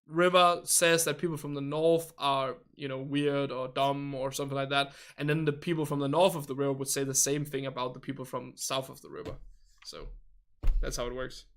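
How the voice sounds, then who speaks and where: A Danish-accented man hosts a casual game stream, chatting loosely with his viewers, often hunting for the right English word and laughing along the way. His voice sits a little high with a sharp, bright edge. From northern Denmark. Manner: chatty and rambling, laughs often, searches for words. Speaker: livestream host reading viewer chat. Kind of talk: casual livestream chat.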